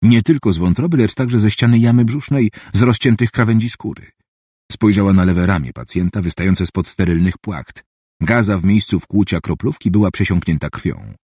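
A man reading a novel aloud as an audiobook, in an even, measured narration. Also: lowish voice, husky, no room sound.

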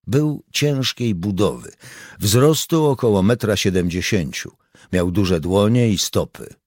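Male narrator, very deep voice, husky, slow, dry close sound. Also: animated, darkish tone, dry recording. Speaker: audiobook narrator. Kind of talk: scripted narration.

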